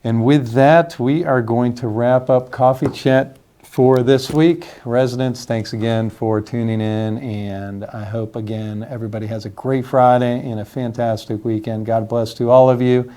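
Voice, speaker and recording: A man's voice: mid-range voice, fairly even intonation, dark tone. A man hosting a community show, reading news and birthday announcements in a friendly, upbeat way. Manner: friendly, upbeat, reads names slowly.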